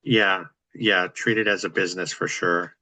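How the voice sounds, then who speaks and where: A man with a deep, crisp-toned voice chats on a video call about practical landlord matters. He explains at length in an easygoing, matter-of-fact way, his pitch staying fairly level. The sound is dry and close. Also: fairly even intonation, moderate pace, bright, forceful tone, no room sound, poor audio. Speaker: real estate investor host. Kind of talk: casual chat on a video call.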